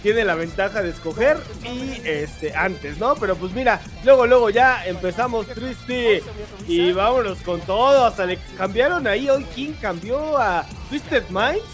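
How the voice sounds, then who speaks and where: A high-pitched man co-hosts a relaxed gaming show. He talks in a joking, chatty way, leaning on filler words. Faint music plays underneath. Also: unhurried. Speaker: co-host. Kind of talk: casual gaming commentary chat.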